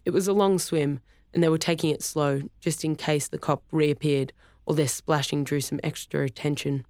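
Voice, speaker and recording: A narrator reading a novel aloud in a steady, even way. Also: mid-range voice, normal speed, no room sound. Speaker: audiobook narrator. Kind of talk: scripted narration.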